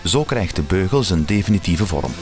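A man narrating a how-to video in a calm, even, explanatory scripted voice-over. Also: sits low, moderate pace. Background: guitar music.

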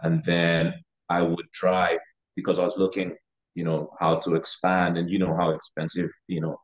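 Speaking at a moderate pace in a low, level voice, a thirty-something man from Uganda appears as a podcast guest and real estate investor. The casual interview chat runs hesitantly, full of "you know," over a video call from his living room. He sits away from the camera, giving dull, lo-fi sound.

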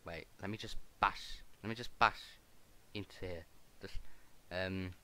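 Male game host, casual hesitant commentary, lowish voice with a bright edge. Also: steady tone, unhurried. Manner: hesitant, thinks aloud with repeated restarts. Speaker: gaming video host. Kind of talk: casual let's-play commentary.

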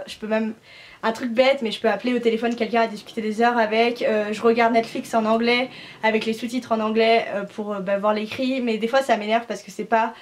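Chatty young French woman vlogging. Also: a little high. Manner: chatty, gushing, slangy with many fillers. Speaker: au pair vlogger. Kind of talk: casual talk to camera.

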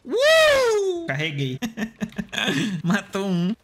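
A man's voice: a little high, a little fast, a bit bright. A young Brazilian man talking through his gameplay, chatty, swearing freely and laughing at himself. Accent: Brazilian Portuguese. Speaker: gaming streamer. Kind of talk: casual gameplay commentary.

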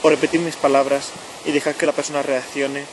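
A medium-pitched voice speaks intimately, as if right in your ear, guiding a relaxation in short measured phrases. The clear noise of rushing water runs behind it. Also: level tone. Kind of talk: slow guided relaxation narration, spoken to the listener. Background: running stream, natural outdoor ambience.

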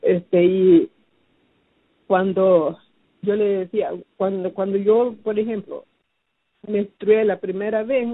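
A woman giving a personal testimony, recounting her past slowly and hesitantly, with many fillers and restarts. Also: medium pitch, fairly even intonation, husky, no room sound. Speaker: testimony giver. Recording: phone-like, dry narrow sound.

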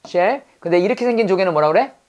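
A woman's voice: medium pitch, animated, fast talker, a little mellow, muffled recording. A woman teaching English vocabulary in a lesson, drilling words by repeating them and quizzing her students. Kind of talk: call-and-response language lesson.

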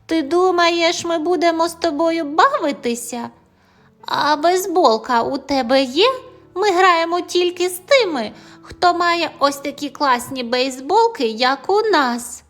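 A woman's voice: very high voice, expressive, a little slow, a bit bright, voice pushed up, full character voice. A woman voicing a gang of older kindergarten boys who mock and boast, in an audio fairy tale. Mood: taunting. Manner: taunting.

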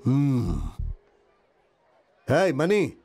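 A man's voice: mid-range voice, sing-song, drawn-out words, vocal fry, darkish tone, faint music behind, exaggerated voice. A man voicing a brusque gang boss in a Hindi film dub, curt and commanding. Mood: dismissive.

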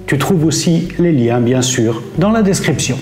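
A man in his fifties narrates his campsite tour in a steady, clearly scripted way, his voice sitting a touch high. The room gives him a noticeable echo. Faint music plays behind him. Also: a little slow. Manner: clear, steady presenter delivery. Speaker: travel vlogger. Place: indoor room with brick wall. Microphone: seated facing camera at table.

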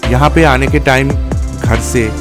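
A man narrating a travel vlog in a measured storytelling voice-over. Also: mid-range voice, fairly even intonation. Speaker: travel vlogger. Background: clear sitar music.

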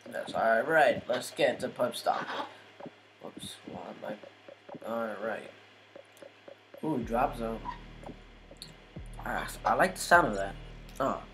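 A man's voice: mid-range voice, expressive, slow pace, vocal fry, long pauses, noisy background. Joking young man muttering over gameplay. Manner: joking, muttering asides to himself. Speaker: gaming channel host. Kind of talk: casual gameplay commentary.

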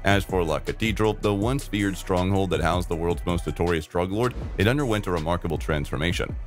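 A man's voice: low-pitched, fairly quick, soft background music. A man reading a scripted documentary voice-over in a formal, dramatic manner, with occasional restarts. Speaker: documentary narrator.

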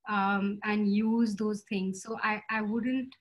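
A woman's voice: mid-range voice, fairly even intonation, takes it slowly. A woman in her thirties speaking on a video call from home, hesitant, with many fillers and restarts. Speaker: panelist artist. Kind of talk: casual video call discussion. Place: home room indoors. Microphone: laptop webcam video call.

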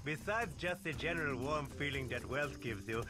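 A man's voice: mid-range voice, moderate pace, close to an everyday voice. An actor voicing a small, bossy lemur king in a video game, with a pompous, theatrical manner. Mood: bossy, self-important. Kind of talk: animated video game acting. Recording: game music behind the voice.

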